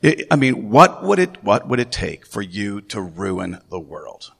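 A man's voice: lowish voice, big pitch swings, unhurried, vocal fry, a bit bright, breathy edge. A man pastor preaching a conversational sermon, often repeating his phrases and putting questions to the congregation. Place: church. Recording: long reverb of a church hall.

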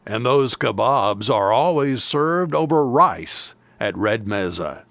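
Slow, gravelly radio reporter man. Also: medium pitch, lively intonation, fairly bright tone, a little hiss or hum. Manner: measured, deliberate delivery. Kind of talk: scripted radio feature narration.

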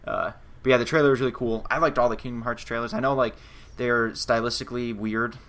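A man's voice: medium pitch, fairly even intonation, quick pace, a bit bright. A man co-hosting a podcast, rambling loosely in casual chat with a lot of "like"s. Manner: rambling, loose, lots of likes. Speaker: podcast co-host.

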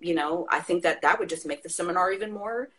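A woman with a somewhat low voice talks with passion in casual conversation. She tells stories with energy and laughs as she goes. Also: fast talker. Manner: passionate, animated storytelling with laughs. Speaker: guest.

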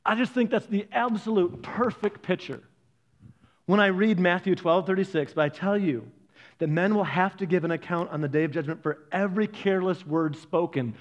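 A man preaching a sermon, animated and conversational, acting out quoted voices. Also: normal speed, highs cut off. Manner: animated, acts out quoted voices with big pitch jumps. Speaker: pastor.

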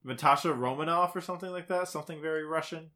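A man with a fairly high, sharp voice talks fast as a podcast co-host. He chats casually about a video game, informal and opinionated.

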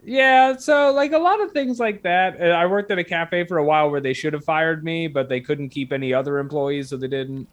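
A man's voice: on the high side, brisk, hardly any pauses, dull audio. A man chatting casually and comically, telling rambling anecdotes as a guest. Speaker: guest telling stories of odd jobs.

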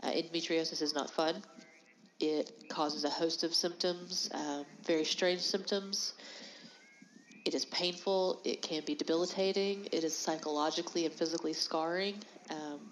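Female podcast host, lowish voice, stuffy nose, frank and conversational, noisy background. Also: steady tone, moderate pace. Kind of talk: casual solo podcast talk.

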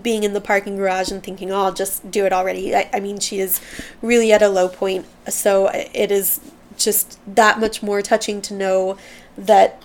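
A woman's voice: mid-range voice, flat delivery, moderate pace. A woman hosting a book podcast, reading excerpts aloud and then sharing heartfelt commentary that stumbles a little when she is moved.

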